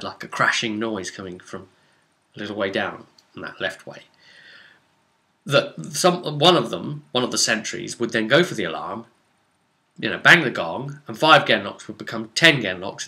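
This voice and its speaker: Speaking in a lowish voice, a man looks back on a tabletop role-playing session he ran as game master, telling it in a loose, rambling, animated way.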